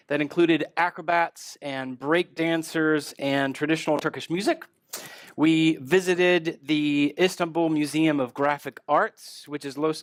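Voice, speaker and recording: A man speaking at a conference, giving a lecture with relaxed, self-deprecating humor. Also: on the high side, dry recording. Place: conference hall.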